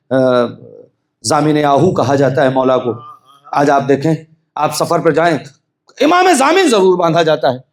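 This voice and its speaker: Impassioned high-pitched male preacher. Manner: impassioned, swings from hushed storytelling to shouted emphasis; keeps urging listeners to pay attention. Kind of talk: Shia majlis sermon.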